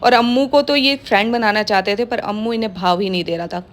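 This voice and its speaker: A woman's voice: mid-range voice, fast talker. A woman narrating a pet vlog in a casual, gushing and affectionate way, laughing often. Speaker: pet vlogger.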